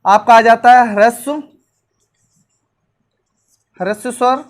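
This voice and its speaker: A woman teacher with a fairly high voice talks through an exam-prep lesson. She repeats each point and fires off quick questions, then answers them herself, drilling the material for her students. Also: steady tone. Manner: repetitive drilling, asks and answers own questions. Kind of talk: exam-prep classroom lecture.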